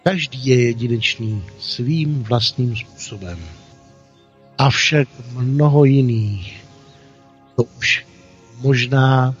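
A man voicing God in a story as a calm, patient father figure, speaking slowly and reassuringly. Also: medium pitch, muffled recording, soft background music, close to an everyday voice. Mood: gentle. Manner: slow, soft, reassuring.

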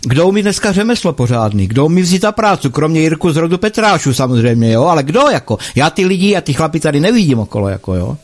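A man on a panel chat who talks loudly and rambles, admitting he shouts. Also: fairly high pitch, big pitch swings, few pauses. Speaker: panel guest.

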